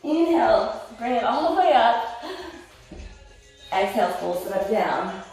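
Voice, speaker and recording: A woman Pilates instructor counts reps and cues a workout, encouraging and a bit winded because she exercises along. Her fairly high, slightly mellow voice swings widely in pitch and runs a little slow, picked up by a distant mic with roomy echo and faint music.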